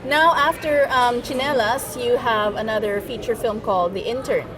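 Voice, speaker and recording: A woman's voice: on the high side, steady tone, moderate pace, low-quality recording. A woman hosting an interview, asking questions and backing up the guest with frequent "mm-hmm". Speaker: interviewer host. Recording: music playing behind.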